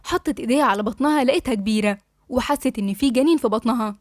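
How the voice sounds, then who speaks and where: A woman with an Egyptian accent narrating a novel in a steady, flowing storytelling manner. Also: fairly high pitch, racing, no room sound, clean studio sound.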